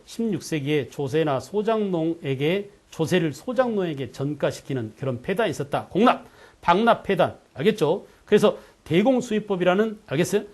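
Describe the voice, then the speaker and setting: Male history lecturer, high-pitched, drills students with quick questions and check-ins. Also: a little mellow. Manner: keeps checking in with students, asking "got it?"; quizzes students with rhetorical questions. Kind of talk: online exam-prep lecture.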